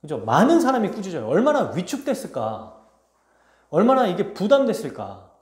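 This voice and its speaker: Pastor preaching, lively pitch swings, roomy echo of a church hall. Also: male voice, normal speed. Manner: animated expository preaching, acting out scenes. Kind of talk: sermon. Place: church sanctuary.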